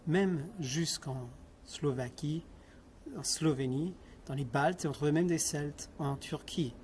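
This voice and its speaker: A man's voice: on the high side, slow pace, darkish tone, slight background noise. A man lecturing on linguistics, explaining step by step, asking the class questions and repeating example words.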